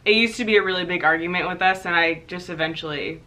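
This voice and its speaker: Young female co-host, bright voice on the low side, casual and giggly Q&A chatter. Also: fast, low-quality recording. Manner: chatty, laughs often, lots of "like". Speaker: co-host of a couple's channel. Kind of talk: casual Q&A chat.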